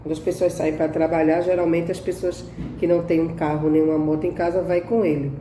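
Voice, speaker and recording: A woman's voice: sits low, level tone, quick pace, mellow, slight background noise. A woman teacher, fondly reminding her pupils of their tasks as she wraps up class. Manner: affectionate, reminding. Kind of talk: class wrap-up addressed to pupils. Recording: echoey, distant room recording.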